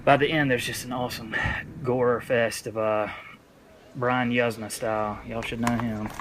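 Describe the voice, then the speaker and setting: Male horror-collector vlogger, mid-range voice, loose jokey delivery full of slang and swearing, clear background noise. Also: mid-range voice, level tone, moderate pace. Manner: slangy, heavy cursing, jokey. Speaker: horror film collector presenting a video. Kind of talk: casual rambling movie review.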